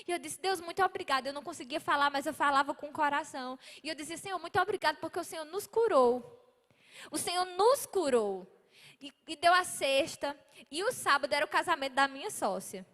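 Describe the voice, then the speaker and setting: High bright Brazilian woman preaching. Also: big-room sound. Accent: Brazilian Portuguese. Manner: impassioned testimony, swells to near shouting. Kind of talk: sermon. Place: church hall.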